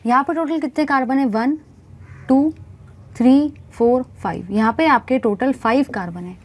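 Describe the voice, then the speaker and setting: A woman's voice: fairly high pitch, a little mellow. A woman teaching a chemistry class, asking questions and answering them herself, calling the students bhai and guys.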